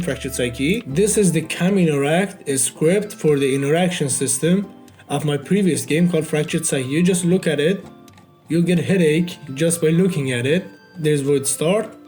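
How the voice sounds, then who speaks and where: With a fairly high-pitched, darkish voice, a man whose first language is Farsi rambles through an unedited walkthrough of the indie game he made. "You know" keeps plugging the gaps in his casual devlog.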